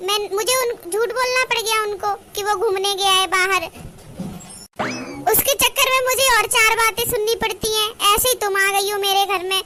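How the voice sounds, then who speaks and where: A voice actor playing a nagging middle-aged mother-in-law in an animated cartoon, scolding and complaining with a sharp tongue. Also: very high voice. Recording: music playing under the voice. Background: background music.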